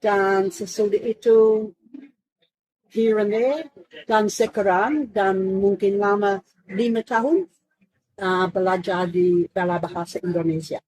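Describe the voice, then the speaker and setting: An older woman, a native English speaker, giving halting interview answers in Indonesian and pausing for words. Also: medium pitch, fairly even intonation, darkish tone, no room sound, poor audio. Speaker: adult language student being interviewed.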